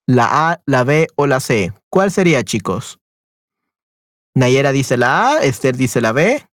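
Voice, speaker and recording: A man teaches Spanish to an online group of students, reading quiz questions aloud, switching often between Spanish and English, and repeating his affirmations. His medium-pitched, slightly bright voice moves slowly with big pitch swings. The recording is dry and studio quality.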